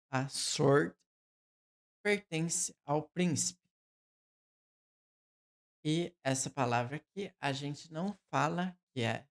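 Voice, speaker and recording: A man with a Brazilian Portuguese accent teaching English pronunciation, repeating each word slowly for the learner. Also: on the high side, gravelly. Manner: repeats words slowly for drills. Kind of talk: pronunciation lesson.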